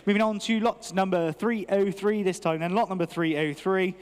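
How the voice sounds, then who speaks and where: British male auctioneer, high-set voice, rhythmic repeated bid calls, long hall reverb. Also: fairly even intonation, moderate pace, clear, resonant tone. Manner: repetitive rhythmic chanting of figures. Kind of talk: live auction bid calling.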